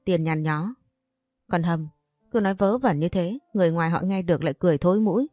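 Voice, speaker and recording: Woman voicing a brash talkative young woman, blunt, teasing, warm low tone, faint music. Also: fast, dry recording, natural voice.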